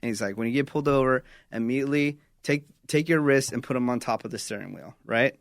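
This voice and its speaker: A man's voice: mid-range voice, fast talker, gravelly, no echo, clean studio sound. Laid-back man radio co-host. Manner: relaxed, explains step by step. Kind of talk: casual chat.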